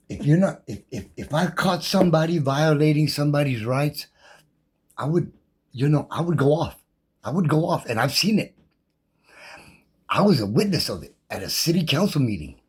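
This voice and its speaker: A man with a medium-pitched, slightly mellow, breathy voice launches into an impassioned, combative monologue defending his rights. Loose, repetitive, slangy, and profane, he rattles off legal code numbers from memory.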